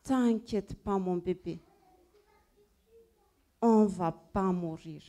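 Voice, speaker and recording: A woman's voice: on the low side, extremely slow, mellow, voice pushed down. A woman voicing a frightened old grandfather who prays aloud in a trembling, pleading way while telling a children's story. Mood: soothing.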